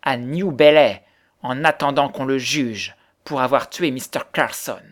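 A man's voice: medium pitch, moderate pace, lightly acted. A man voicing a bitter, grieving widowed mother who speaks harshly and accusingly. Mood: scornful. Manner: harsh, accusing, later softening into sobs.

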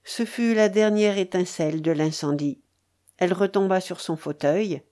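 A woman reading a novel aloud in a measured, mournful way. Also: lowish voice, warm tone. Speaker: reader. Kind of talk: literary audiobook narration.

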